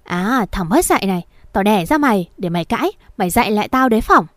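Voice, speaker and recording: A woman voicing a sharp-tongued middle-aged mother who scolds harshly and loudly. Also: mid-range voice, lively intonation, fast talker, no room sound, clean studio sound, lightly acted. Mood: scolding.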